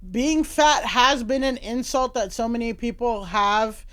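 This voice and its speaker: A woman's voice: fairly high pitch, unhurried, fairly bright tone. A woman from South Florida, a comedian guest, speaking bluntly and outspokenly in casual podcast chat.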